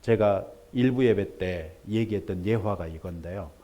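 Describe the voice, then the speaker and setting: A male pastor preaching a sermon, telling a story with lively acted-out voices for the people in it. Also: sits low, moderate pace. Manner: animated storytelling, acts out characters in raised voice.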